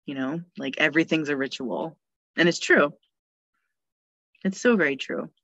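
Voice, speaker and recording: A woman's voice: low voice, normal speed, fairly bright tone, no room sound, lo-fi sound. A woman, a death midwife talking in a casual podcast conversation, cheerful and full of fillers. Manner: chatty, cheerful, laughs often, many fillers.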